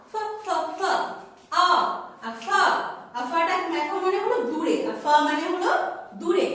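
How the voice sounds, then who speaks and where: A woman teacher giving a children's phonics lesson, patiently repeating sounds and asking and answering her own questions. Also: extremely high pitch. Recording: very echoey room, voice far from mic.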